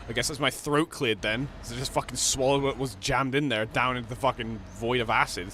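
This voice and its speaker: A man's voice: mid-range voice, fairly even intonation, brisk, pushed and bright, slight background noise. A young Scottish man from Glasgow chatting casually on a live game stream, rambling, swearing heavily and laughing often. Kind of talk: casual live-stream chat while gaming.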